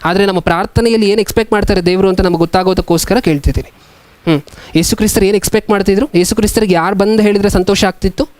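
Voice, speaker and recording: A man preaching a sermon as a pastor, asking the congregation many questions and reading scripture slowly. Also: sits high, fairly even intonation, darkish tone, no room sound.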